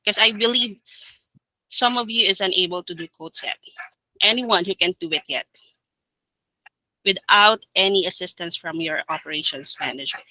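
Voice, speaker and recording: Bright, forceful Filipino woman coaching staff. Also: lowish voice, normal speed, long pauses, no room sound, poor audio. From Philippines. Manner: direct, instructive, insistent, repeats points. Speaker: trainer of call center staff. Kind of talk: informal staff training talk.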